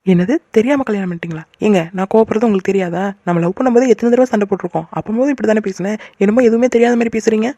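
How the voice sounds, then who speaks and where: A quick-tempered young wife in a cartoon who flares up at any teasing, voiced by a woman. She speaks extremely fast and sharply. The sound is dry and close. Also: mid-range voice, fairly even intonation, dry recording, close to an everyday voice. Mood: complaining. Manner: huffy, sharp-tongued. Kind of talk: cartoon voice acting.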